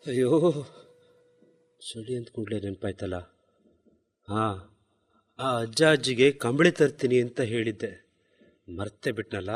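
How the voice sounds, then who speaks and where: A man's voice: medium pitch, lightly acted. An actor playing a sleepy office worker in a radio drama, musing to himself and then explaining to his wife. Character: sleepy office-going man remembering a promise.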